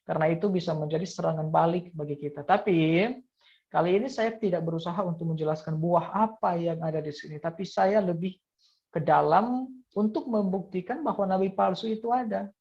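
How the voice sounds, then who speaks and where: A woman's voice: fairly low pitch, fairly quick, a little mellow. A woman teaching Bible verses in a monologue, reading passages aloud and peppering her talk with "ya" and "nah". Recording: dull lo-fi recording.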